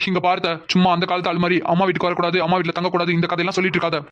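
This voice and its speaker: A persistent young man in a cartoon, voiced by a woman keeps pressing with pleading questions. He talks very fast in a low voice with a flat, even tune. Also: close to an everyday voice. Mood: coaxing. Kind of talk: animated cartoon dialogue.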